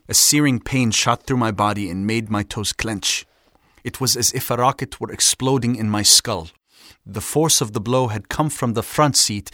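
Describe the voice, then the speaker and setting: A man reading a first-person memoir aloud in a measured, grave, steady storytelling manner. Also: fairly low pitch, no room sound, studio quality. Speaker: audiobook narrator.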